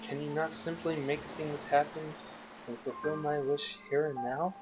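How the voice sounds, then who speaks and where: A man voicing a frail elderly man in a video game playthrough, speaking quietly and slowly. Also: a little high, fairly even intonation, over music, natural voice, low-quality recording. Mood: hushed, wistful. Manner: quiet, slow, hushed.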